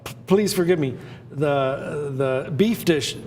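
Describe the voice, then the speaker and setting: High-voiced male live auction host. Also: slow, a little mellow, long reverb tail, soft background music. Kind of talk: live auction patter and casual chat.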